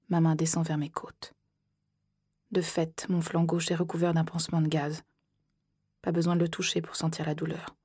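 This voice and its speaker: A woman narrating an audiobook in the first person, soft and measured, often slipping into whispers. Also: lowish voice, breathy edge, no echo, clean studio sound.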